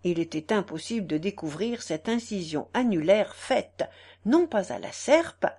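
Expressive woman reading a classic novel. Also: mid-range voice, measured pace, breathy edge. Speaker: audiobook narrator. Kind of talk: scripted narration of a classic novel.

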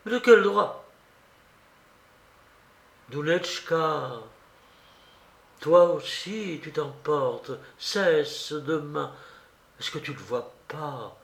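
A man's voice: fairly high pitch, very slow, vocal fry, pauses often, a bit bright, full character voice. A male narrator voicing an anxious, pleading mother in an audiobook. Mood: frightened. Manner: fretful and pleading. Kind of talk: audiobook character reading. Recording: roomy recording.

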